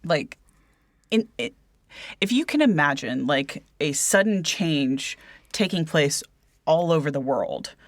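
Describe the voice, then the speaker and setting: A woman's voice: low voice, lively intonation, takes it slowly, no room sound, studio quality. A woman co-hosting a casual book podcast, talking hesitantly with lots of fillers and restarts. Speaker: podcast co-host.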